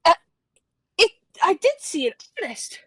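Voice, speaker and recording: A woman's voice: extremely high pitch, big pitch swings, a little slow, noisy background, full character voice. A woman voicing a nervous young female witness on the stand, flustered and stammering. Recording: game music playing behind.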